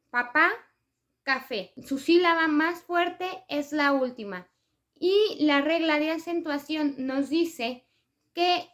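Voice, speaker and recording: A woman presenting a spelling lesson for writers, explaining step by step with examples and frequent hesitation fillers. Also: high voice. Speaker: writing tips presenter.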